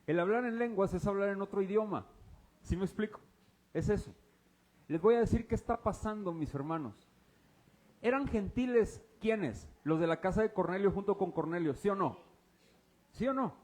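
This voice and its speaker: High-voiced pastor quizzing his flock. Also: normal speed, long pauses, darkish tone. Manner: quizzes the congregation, casual and teasing. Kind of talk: interactive sermon. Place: church service before a congregation.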